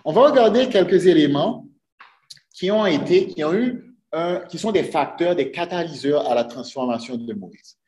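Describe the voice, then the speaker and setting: In an echoey church sanctuary, a man preaches an earnest sermon to his congregation, often asking them rhetorical questions. His voice is fairly high and a little mellow, animated, and moves at a normal speed.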